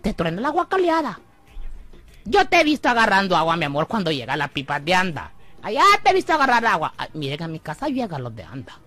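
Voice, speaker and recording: A young Salvadoran woman runs a comic radio monologue with a teasing, sassy bite. Her voice is bright and very lively, and it bounces up and down as she mocks and sweet-talks the listener. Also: on the low side, fairly quick. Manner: sassy, teasing, calls listener amor and bebé. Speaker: radio comedy host.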